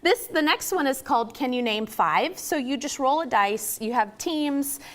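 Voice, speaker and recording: A woman's voice: high-pitched, expressive, normal speed, fairly bright tone, slight background noise. A woman, a lifestyle expert, enthusiastically showing products as a guest in a TV studio. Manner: bubbly, enthusiastic. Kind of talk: TV studio product demo chat.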